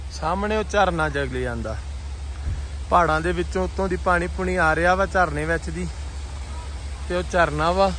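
Punjabi guy vlogging outside in the mountains, slightly high voice, reverent then excited, light road noise. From Punjab, India. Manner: reverent storytelling, then enthusiastic scenery commentary. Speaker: travel vlogger. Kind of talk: travel vlog narration. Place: outdoors in mountains.

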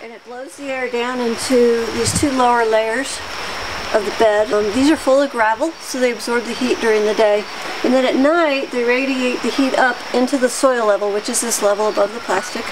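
A woman's voice: on the high side, steady tone, normal speed. A middle-aged woman farmer explaining things plainly as she leads a tour through her greenhouses. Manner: plain, practical explaining with fillers. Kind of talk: casual guided tour. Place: inside greenhouses on a farm. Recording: noisy outdoor-style background.

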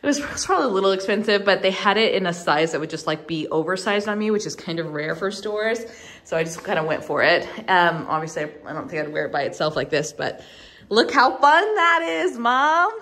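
This young travel vlogger talks fast in a lowish, somewhat bright voice as she films herself on a handheld camera. She's casual, chatty, and bubbly, dropping "like" again and again.

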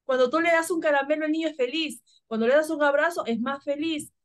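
A woman's voice: high voice, quick pace. Peruvian woman chatting about gratitude. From Peru. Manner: warm, spontaneous storytelling with frequent laughs. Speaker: spiritual guide guest. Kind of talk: casual spiritual chat.

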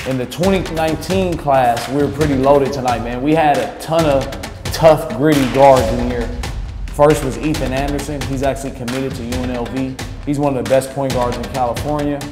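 A man's voice: mid-range voice, fairly even intonation. Male host, hyped scouting rundown; roomy sound, long reverb, music underneath. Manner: quick, hyped scouting talk. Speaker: trainer and show host. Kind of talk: voice-over player rundown.

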